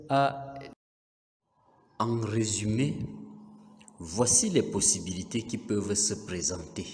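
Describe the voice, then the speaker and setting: Slow, measured man with a dark voice. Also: mid-range voice. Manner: measured, methodical, pauses between phrases. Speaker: teacher. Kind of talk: slow deliberate lesson narration. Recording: voice with long reverb.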